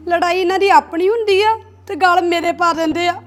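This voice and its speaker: An actress playing a young married woman in a family drama, tearful and pleading, over soft background music. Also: very high-pitched, fairly even intonation, a little fast. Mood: upset. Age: young adult.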